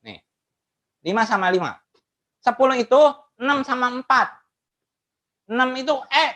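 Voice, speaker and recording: A woman teaching math in an online webinar, laughing often and asking her audience lively questions. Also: on the high side, normal speed. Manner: laughs often between phrases; acts out quoted remarks in changed voices.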